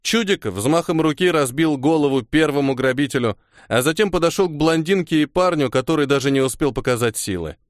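A man narrating an audiobook in a measured, expressive storytelling manner. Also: a little high, dry recording, clean studio sound.

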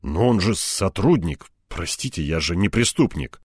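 Brief: man voicing a flustered middle-aged police colonel; raised, strained pitch, loud, fawning. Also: expressive, moderate pace, husky, dry recording, clean studio sound. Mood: nervous, fawning. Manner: flustered, eager to please, loud.

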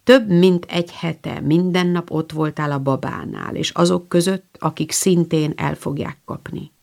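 A woman reading the part of an impulsive, warm-hearted teenage girl in a storybook, speaking urgently and reproaching herself. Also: sits low, gravelly.

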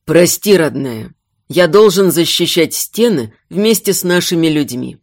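A woman voicing a weary young male king, a besieged warrior who speaks low and tired. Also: animated, a little slow, exaggerated voice. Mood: bitter.

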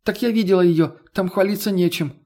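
A man voicing Lena, a husky foul-mouthed young woman. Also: high voice, fairly quick, pitched above the performer's own voice. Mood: scornful. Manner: sharp, swearing retorts.

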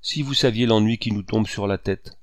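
A man's voice: lowish voice, normal speed, dry recording, studio quality, natural voice. A man reading the lines of a young woman who speaks earnestly and pleadingly. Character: young woman, tearful then grateful.

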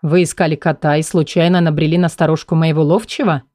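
A stern king with a heavy, brooding manner, speaking slowly and low in an audiobook story, as a woman narrator puts him on. The tone is dark and mellow, and the sound is dry and close. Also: steady tone, dry recording, close to an everyday voice.

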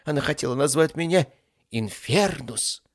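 A man's voice: a little high, big pitch swings, normal speed, vocal fry, pitched above the performer's own voice, exaggerated voice. A man voicing a small, whiny, cowardly young male demon who panics, pleads and whimpers. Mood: self-pitying.

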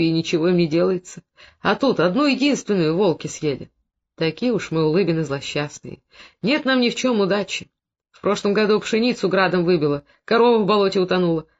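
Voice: medium pitch, dull audio. A reader voicing a glum young Cossack lamenting. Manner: sorrowful lament. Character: grieving young Cossack man, bitter and glum.

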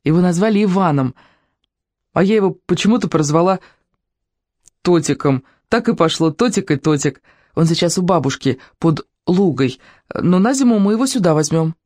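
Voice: medium pitch, animated, normal speed, darkish tone, no room sound, clean studio sound, natural voice. A reader voicing Natasha, an earnest, enthusiastic young girl in an audiobook who loves books and drawing. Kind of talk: audiobook character reading.

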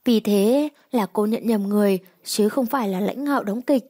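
A woman narrating a romance story aloud in a steady, measured reading. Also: medium pitch, dry recording, clean studio sound.

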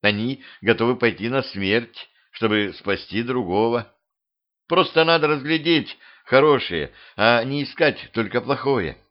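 A man's voice: mid-range voice, unhurried, highs cut off. A man reading an audiobook. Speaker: audiobook narrator.

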